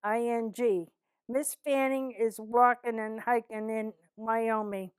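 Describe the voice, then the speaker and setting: A woman in her seventies from East Boston, Massachusetts, USA, speaks with a Boston accent, reading test sentences and answering interview questions as the interviewee. Her voice is a little high, steady, clear and resonant, and she takes it slowly. She is plainspoken, giving short, blunt answers, and the recording is studio quality with no room sound.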